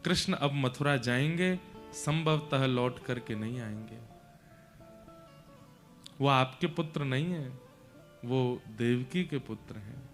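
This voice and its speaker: A man's voice: fairly high pitch, unhurried, bright, forceful tone, soft background music. A male storyteller voicing a grave adult messenger who delivers hard news hesitantly and formally. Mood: solemn hesitant.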